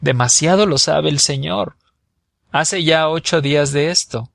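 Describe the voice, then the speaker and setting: Man voicing a meek scrawny servant, higher pitched, apologetic, dry close sound. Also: unhurried, creaky, a bit bright, dry recording. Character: timid scrawny male servant.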